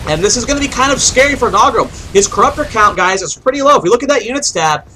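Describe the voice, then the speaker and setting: A man's voice: extremely high pitch, lively intonation, quick pace, sharp tone, slight background noise, poor audio. A young man giving solo play-by-play commentary on a strategy game match, rambling and thinking aloud with restarts. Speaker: game caster.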